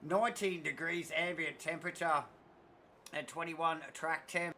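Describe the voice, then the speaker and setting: A man with a high, sharp voice commentates a simulated motor race live. He keeps the talk chatty and conversational, asking his co-commentator what he sees, and his tone stays bright and forceful throughout. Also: fairly even intonation, unhurried, slight background noise. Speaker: sim racing commentator.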